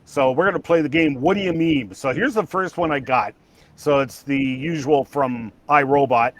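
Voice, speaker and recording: A man's voice: mid-range voice, moderate pace, dry recording. A man hosting a casual livestream chat, rambling with restarts and laughter. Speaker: livestream host.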